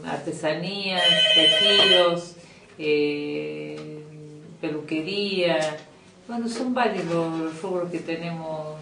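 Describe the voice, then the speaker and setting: A woman's voice: low-pitched, fairly bright tone. A middle-aged woman with an Argentine accent, talking as a youth coordinator in a casual interview, chatty with many fillers and restarts. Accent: Argentine Spanish. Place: small office indoors. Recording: echoey room, distant mic, faint noise.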